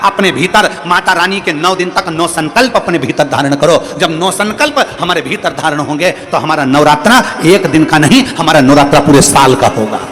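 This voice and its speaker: A man's voice: a little high, lively intonation, moderate pace, hardly any pauses, fairly bright tone, long reverb tail. A man giving a devotional sermon as a religious storyteller, preaching in rhythmic repeated phrases. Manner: sings bhajan lines, then preaches in rhythmic repetitions.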